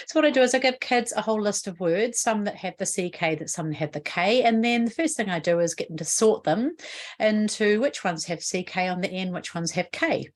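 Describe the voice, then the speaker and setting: Kiwi lady teacher, lowish voice, patient explaining, video lesson, lots of "what do you notice?". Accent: New Zealand. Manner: patient, explanatory, asks the viewer questions. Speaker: literacy educator.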